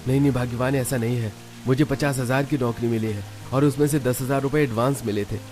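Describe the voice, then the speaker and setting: A man voicing a poor, gentle village father who talks earnestly and with hope. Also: medium pitch, fairly even intonation, fast, soft background music, close to an everyday voice. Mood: pleading.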